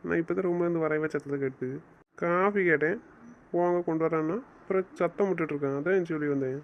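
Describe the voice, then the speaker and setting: A man's voice: on the high side, fast, a little hiss or hum, natural voice. A young man acting an easygoing husband who speaks mildly and placatingly, puzzled by the fuss. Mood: bewildered. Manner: mild, placating, bewildered. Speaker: bewildered husband. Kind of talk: amateur web drama acting. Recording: dull lo-fi recording.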